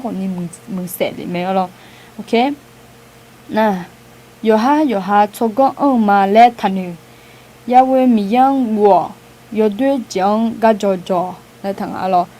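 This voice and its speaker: A woman's voice: medium pitch, warm tone. A woman giving an informal, conversational outreach talk to a group, with frequent hesitation sounds and light laughter. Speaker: outreach speaker.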